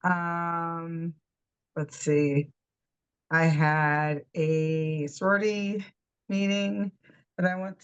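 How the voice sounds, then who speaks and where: A volleyball coach in her fifties chats casually and unhurriedly, using many fillers. Her voice is lowish and the audio is dull.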